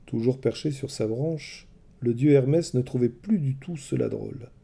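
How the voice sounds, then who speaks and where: A man telling a mythology story in scripted, expressive narration. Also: medium pitch, moderate pace, vocal fry, husky.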